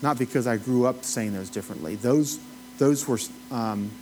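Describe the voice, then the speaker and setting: In a poor recording with slight background noise, an Appalachian man from the United States gives a Bible study as a relaxed, conversational lecture. His mid-range voice moves at normal speed with a slightly mellow quality, and he rambles into folksy asides and questions for his listeners.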